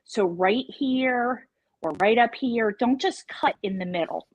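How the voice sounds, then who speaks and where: A woman's voice: on the high side, unhurried, dull audio. Chatty woman chef on a video call. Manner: chatty, playful, upbeat instruction. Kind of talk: live virtual cooking class.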